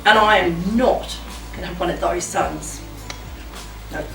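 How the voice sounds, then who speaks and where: A woman's voice: lowish voice, a little slow, gravelly. A middle-aged woman performing a dramatic spoken monologue on stage as a mother telling her story. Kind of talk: staged spoken-word monologue over music. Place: large hall at a live show. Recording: echoey hall, distant mic, music behind.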